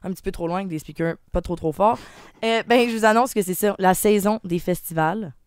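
A young woman with a Québécois French accent, co-hosting a radio show in playful, excited chat, joking and stammering through fillers. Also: medium pitch, a little fast, clear, resonant tone, dry recording, studio quality. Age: young adult. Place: radio studio.

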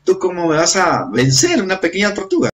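A man's voice: sits high, huge pitch swings, fairly quick, fairly bright tone, pitched above the performer's own voice, exaggerated voice. A man doing a proud, mocking elephant. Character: huge proud laughing elephant.

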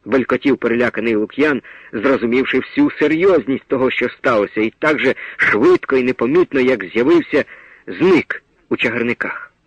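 Guy reading a story aloud, steady and dramatic, mid-pitched, dull old radio sound. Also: normal speed, husky, no echo. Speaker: narrator. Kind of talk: scripted audiobook narration.

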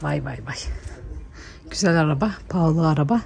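A woman's voice: low voice, moderate pace, creaky, darkish tone, a little hiss or hum. Chatty woman vlogging her day. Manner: chatty, talks to her dog in a cooing voice. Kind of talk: casual vlog chat. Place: home kitchen and outdoors.

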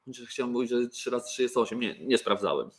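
A man's voice: medium pitch, lively intonation, fast. A man casually presenting board games, joking and often restarting his sentences. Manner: chatty, joking, with fillers and restarts. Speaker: toy company presenter.

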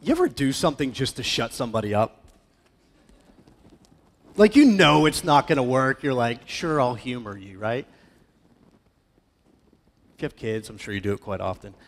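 A man preaching a sermon as pastor, with a dramatic delivery that swings between loud emphatic passages and hushed ones. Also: medium pitch, big pitch swings, normal speed, long pauses. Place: church hall. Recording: church hall with long reverb.

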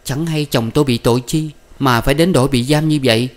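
A man's voice: mid-range voice, a little fast, pitched above the performer's own voice, natural voice. A man raising his voice into a grieving young wife. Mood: anguished. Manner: tender, then anguished pleading.

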